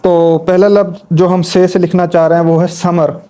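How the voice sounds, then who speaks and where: Male tutor, mellow and a little high-pitched, patient, spells words out slowly during the lesson. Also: level tone. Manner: talks while demonstrating at a board. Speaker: Urdu writing teacher. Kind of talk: instructional lesson.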